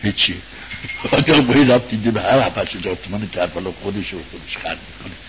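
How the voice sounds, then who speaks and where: A man giving an informal religious talk, telling a story to his listeners in a conversational way, rising to loud bursts and sinking to quiet murmurs. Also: fairly low pitch, animated. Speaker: religious speaker addressing an audience. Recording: dull lo-fi recording with faint hiss.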